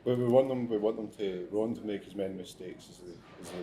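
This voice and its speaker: A Scottish man, a chef and teacher, speaking in a plain and steady way. His voice is low and warm, with faint room noise behind it. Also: fast talker. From Scotland. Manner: steady, plain-spoken, with some restarts. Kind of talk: casual interview chat. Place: restaurant.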